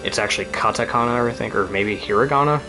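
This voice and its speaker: A man's voice: medium pitch, fast, over music. Rambling, swearing male game streamer. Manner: rambling, swears casually, laughs often. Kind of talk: casual let's-play commentary.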